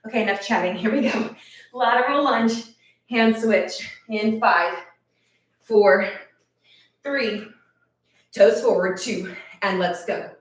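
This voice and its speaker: Winded fitness instructor in echoey room. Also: female voice, medium pitch, takes it slowly, long pauses, distant mic. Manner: encouraging, counts reps aloud. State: out of breath. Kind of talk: live workout instruction.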